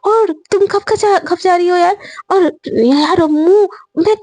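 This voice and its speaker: A woman's voice: extremely high pitch, unhurried, dry recording, voice pushed up. A woman voicing a brash, teasing young woman friend who talks cheekily and bosses others around. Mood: cheeky. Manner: cheeky, loud, bossy.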